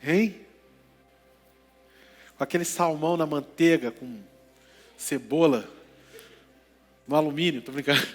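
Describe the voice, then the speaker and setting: A man's voice: on the high side, unhurried, pauses often. A man preaching a sermon, telling the story with playful asides and questions to the congregation. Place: church. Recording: reverberant church hall with music underneath.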